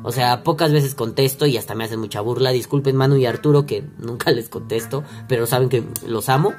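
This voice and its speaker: A man's voice: medium pitch, brisk, a little mellow, soft background music. A young Mexican man with a Mexican accent, telling a story in a crude, slang-filled, rambling vlog monologue. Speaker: vlogger.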